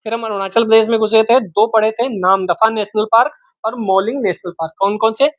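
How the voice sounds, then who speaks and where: A man's voice: high voice, steady tone, brisk, no echo. A man teaching an exam-prep geography lesson, repeating each name several times and quizzing the listener as he goes. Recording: dull, dry, lo-fi home recording.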